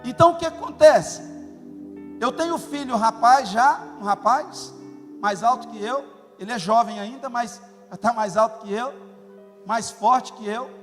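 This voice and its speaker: A middle-aged male pastor with a high-pitched voice delivers an unhurried sermon in a church auditorium. His preaching is emphatic and animated, punctuated by sudden loud stresses, with long hall reverb and faint music in the recording.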